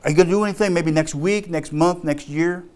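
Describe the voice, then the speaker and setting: A man's voice: on the high side, fairly quick, darkish tone, clear, resonant tone, voice pushed up, close to an everyday voice. A man putting on the voice of a brash, pushy male car salesman who bluntly says "yo" all the time. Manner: blunt, saying "yo" constantly.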